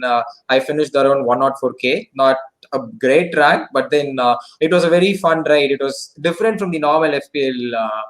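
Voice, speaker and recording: Relaxed man chatting about his season. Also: medium pitch, rough recording. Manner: relaxed, with frequent fillers and "so". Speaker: fantasy football content creator. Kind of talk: casual online chat show.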